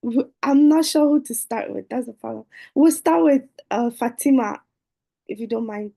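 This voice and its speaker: A woman's voice: on the high side, normal speed, creaky, dark tone, low-quality recording. A woman hosting an online dating show over a video call, speaking hesitantly with many fillers. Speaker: host.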